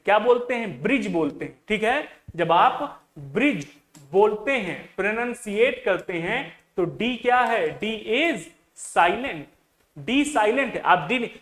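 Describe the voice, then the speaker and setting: A man's voice: high voice, a bit bright. A man teaching an exam-prep reasoning lesson, asking his students questions and repeating key words, with English terms mixed into his speech.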